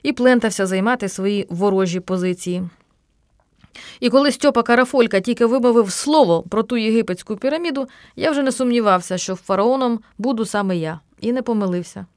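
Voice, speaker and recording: A woman narrating a children's story aloud, lively and acting out the characters. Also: a little high, a little fast, no room sound, clean studio sound.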